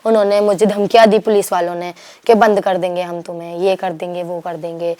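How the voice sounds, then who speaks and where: A young woman from Delhi, telling her story to an interviewer in a rambling, animated way, acting out what others said and restarting her sentences. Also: lowish voice, a little fast. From Delhi, India. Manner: rambling, animated retelling with quoted dialogue and restarts. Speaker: guest.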